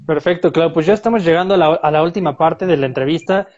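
A man's voice: on the high side, fast talker, a little mellow, dull audio. A man hosting a casual interview, friendly as he thanks and promotes his guest. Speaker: interview host.

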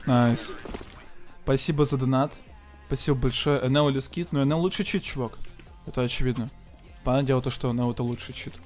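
A man doing casual live gameplay commentary as a streamer, slangy, profane and excitable, thanking donors. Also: mid-range voice, fairly quick, soft background music. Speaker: game streamer.

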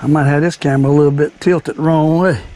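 Speaking from behind a home camera, an older man with a Southern US accent hosts a cooking and fishing video, chatting casually like a folksy old fisherman. His warm voice is fairly high for a man, with fairly even intonation, and he talks fast, explaining as he goes and repeating himself. Some background noise is audible.

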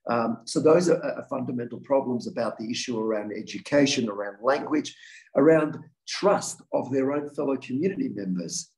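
A man's voice: medium pitch, moderate pace, a little mellow, rough recording. Earnest man answering audience questions. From Australia. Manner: earnest, frequent restarts and repeated words. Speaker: guest speaker, victims' advocate.

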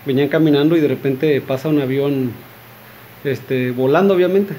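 A man's voice: mid-range voice, normal speed, warm tone, a little hiss or hum. A man with a Mexican accent telling short jokes in a chatty, rambling way, with fillers and asides to his listeners. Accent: Mexican Spanish. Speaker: joke teller.

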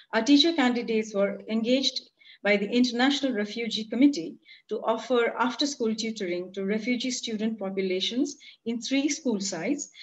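A woman in her forties with an Indian accent presents a prepared academic conference talk over a video call, measured and earnest, reading from notes. Her voice is a little high. She's in a room at home, and the computer mic gives muffled lo-fi video call audio.

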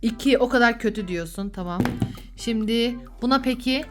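A woman's voice: on the high side, normal speed, over music. A woman hosting a children's vlog as a mother, chatting playfully and coaxing with sing-song questions. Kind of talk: playful casual chat with a child and viewers.

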